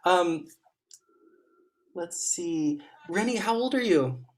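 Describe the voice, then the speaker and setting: A man serving as a competition juror, giving gentle, encouraging spoken feedback to young players over a video call, with frequent ums. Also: high-pitched, expressive, slow.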